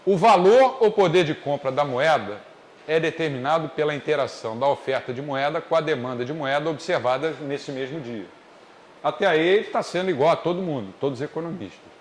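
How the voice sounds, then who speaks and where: A man with a Brazilian Portuguese accent giving a classroom economics lecture, explaining step by step and slowing down on key points. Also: on the high side. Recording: echoey classroom, faint noise.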